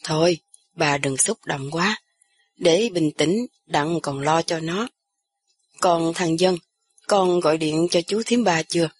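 A steady older man soothing his family in an audiobook, as a woman reader puts him on. His low, husky voice is calm and unhurried. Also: exaggerated voice. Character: older man, worried but steady uncle.

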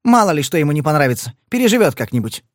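A man doing a shrill, scornful gangster's woman. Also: big pitch swings, rapid-fire, no echo, clean studio sound. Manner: shrieking, scornful.

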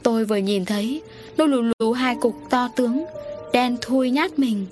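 Woman doing a shrill frightened rich lady. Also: normal speed, darkish tone, soft background music, lightly acted. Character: shrill scheming rich woman, terrified of ghosts.

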